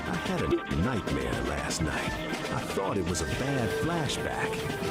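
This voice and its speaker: A world-weary old beat-poet narrator, put on by a man, riffs in hipster jive with a rhythmic spoken-word cadence. His pitch lurches wildly between low mutters and sharp high outbursts. A loud music bed plays behind him throughout. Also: heavily acted. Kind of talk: beat poetry monologue.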